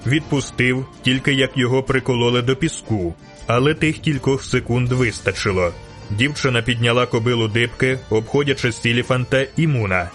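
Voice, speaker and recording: A man reading a fantasy novel aloud as audiobook narrator, with measured, dramatic storytelling. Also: medium pitch, fairly bright tone, soft background music. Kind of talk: scripted narration.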